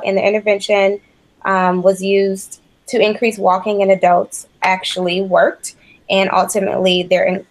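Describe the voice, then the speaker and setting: A woman's voice: mid-range voice, low-quality recording. A woman in her twenties from Ohio giving a graduate class presentation, reading a prepared report steadily. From Ohio, USA. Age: 20s.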